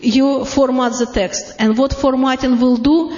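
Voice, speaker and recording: High-voiced woman with a heavy Russian accent. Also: fairly even intonation, a little mellow. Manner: halting, many "uh" fillers, laughs easily. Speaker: product presenter. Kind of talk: live product demonstration to an audience. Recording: roomy, dull lo-fi room recording.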